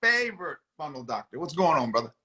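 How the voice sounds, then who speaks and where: A man, an emergency doctor, chatting as a guest on a video call, animated and friendly, laughing often and restarting sentences. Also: fairly high pitch, quick pace. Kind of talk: casual interview chat.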